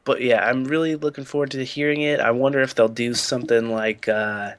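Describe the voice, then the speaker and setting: A man's voice: medium pitch, a little fast, no echo. A man co-hosting a podcast, chatting casually and rambling with lots of fillers. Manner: relaxed, rambling, lots of "like" and "you know". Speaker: podcast co-host.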